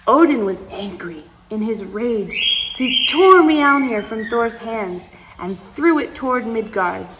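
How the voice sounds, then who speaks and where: Slowly and expressively, a woman with a voice on the high side reads a storybook to young children as a story time host. She punctuates the tale with exclamations and asides to her listeners. The recording has clear background noise.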